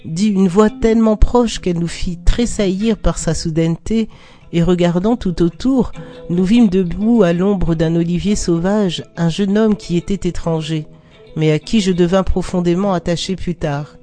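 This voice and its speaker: Mellow storybook narrator over soft guitar. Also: medium pitch, fairly even intonation, normal speed. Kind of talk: scripted narration of a religious story.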